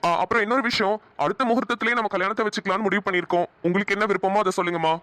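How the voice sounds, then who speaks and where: A man voices the men of a cartoon family, high-pitched for a man and quick. His tone is bright and earnest, as if making a speech. The recording is dry and close. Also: steady tone, dry recording. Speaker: voice artist for male family characters. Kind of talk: cartoon family comedy voicing.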